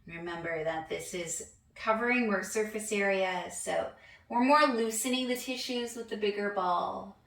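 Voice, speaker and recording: A young woman teaching a guided hand massage class, relaxed and chatty, laughing at herself now and then. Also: medium pitch, normal speed, creaky. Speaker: yoga instructor. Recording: echoey room, voice from a distance.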